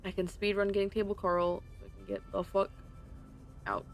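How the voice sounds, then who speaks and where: Casting: woman streamer, gravelly fry, frustrated swearing self-talk while gaming. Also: medium pitch, little pitch movement, fairly quick, soft background music. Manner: talks to herself, frustrated, swears a lot. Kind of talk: casual gaming commentary.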